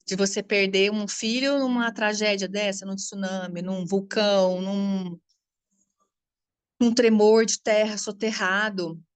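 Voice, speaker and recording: A Brazilian woman, a spiritual coach, talking casually and frankly to her audience, lively and blunt, laughing now and then. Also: mid-range voice, measured pace, smooth, dry recording. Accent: Brazilian Portuguese. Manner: animated, frank, swears freely, laughs often. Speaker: spiritual coach teaching astrology. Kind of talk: casual spoken talk to an audience.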